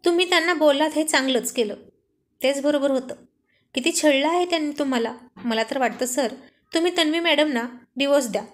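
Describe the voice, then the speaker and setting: A woman's voice: sits high, a little fast, close to an everyday voice. A woman voicing a cheeky young male assistant. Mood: earnest. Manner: playful, teasing. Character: young man, cheeky loyal assistant who teases his boss.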